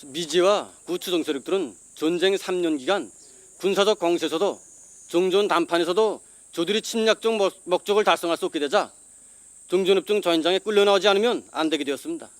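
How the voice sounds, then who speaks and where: A man with a North Korean accent gives a formal guide's explanation. His voice is high-pitched and sounds dry, with scripted phrasing. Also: fast talker, no room sound.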